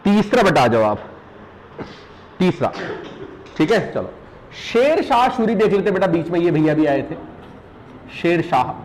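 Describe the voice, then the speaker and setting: Pahari guy teacher doing a live revision class, keeps asking "right or not?", jumpy animated voice, bit of faint noise behind. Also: on the high side, unhurried, long pauses, rough recording. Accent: Pahari-tinged Hindi. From Uttarakhand hills. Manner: repetitive, quizzing students with rhetorical questions; calls students "beta", jokes and laughs while teaching.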